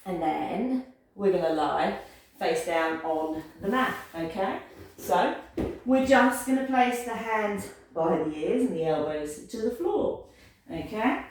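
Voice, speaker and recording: Gentle woman teaching pilates, echoey. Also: medium pitch, lively intonation, slow. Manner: encouraging, gentle cueing, counts down aloud. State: slightly out of breath at times. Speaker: pilates instructor. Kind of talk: guided exercise class instruction. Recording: echoey room, voice from a distance.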